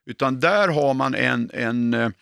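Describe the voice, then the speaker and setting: A man in his sixties, a dog trainer, explaining firmly and emphatically in conversation, often tagging his points with a quick question. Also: mid-range voice, gravelly, fairly bright tone, clean tone, no echo, clean studio sound. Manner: firm, emphatic, with frequent tag questions.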